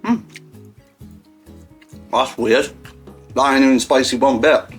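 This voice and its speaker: A man's voice: medium pitch, steady tone, takes it slowly, soft background music. A man chatting casually to camera in a blunt, sweary, self-mocking way, as host of an online video. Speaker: online content creator hosting a hot wing challenge.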